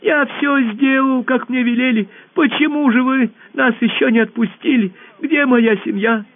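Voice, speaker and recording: A man voicing a small, frightened talking ball that squeaks and pleads in a high, thin voice. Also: moderate pace. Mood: pleading. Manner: pleading, desperate. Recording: tinny phone-like radio audio.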